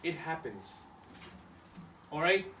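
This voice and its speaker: High-voiced man giving an emphatic team pep talk. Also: very animated, slow, bright, forceful tone. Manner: emphatic, repeats short phrases. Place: echoey indoor room, locker room. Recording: roomy, distant mic, background noise.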